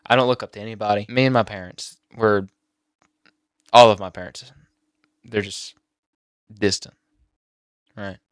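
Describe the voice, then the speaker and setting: A teenage boy talking on his own channel, emotional and halting, near tears at times. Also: on the low side, steady tone, smooth, no echo, studio quality. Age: teens. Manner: emotional, halting with many fillers and restarts. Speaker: YouTuber. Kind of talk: personal vlog talk.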